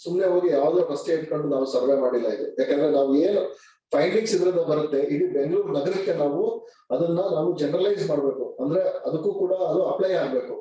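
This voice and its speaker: A man's voice: fairly high pitch, rapid-fire, dark tone, muffled recording. A man with a Kannada accent from India gives a formal presentation as an academic speaker, switching between languages. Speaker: professor, presenter. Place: conference board room. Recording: roomy, far from microphone.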